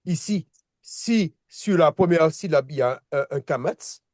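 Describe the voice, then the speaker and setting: Man, teacher, fairly high voice, dry close sound, hesitant, restarts a lot, patient. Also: lively intonation, measured pace, a little mellow, no echo. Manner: hesitant, frequent restarts and repeated words; patient, checks understanding with "d'accord?". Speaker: Hebrew teacher. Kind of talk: casual online lesson.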